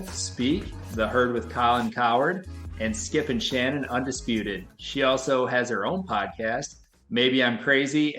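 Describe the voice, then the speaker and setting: A man's voice: medium pitch, a bit bright. Upbeat joking man hosting a podcast. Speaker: podcast host. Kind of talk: casual podcast interview. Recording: echoey room with faint music.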